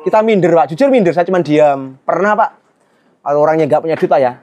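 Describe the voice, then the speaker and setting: A man's voice: on the high side, lively intonation, fast, a little mellow. A middle-aged man, earnestly telling his life story in an interview, often adding a polite "Pak". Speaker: goat farmer and trader.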